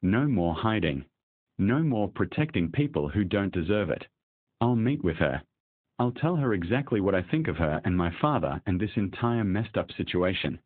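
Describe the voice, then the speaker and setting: Resolute young wife done staying quiet, read by a man in his own low, husky voice; lively lines, dry and tinny phone-like sound. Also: moderate pace.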